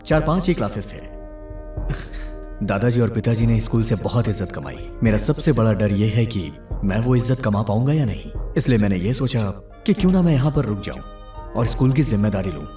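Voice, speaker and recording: Brief: man voicing a low mellow heir making a formal speech, roomy and distant. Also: expressive, moderate pace, soft background music, close to an everyday voice. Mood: earnest. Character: returning heir, polite school head. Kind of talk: Hindi film dub.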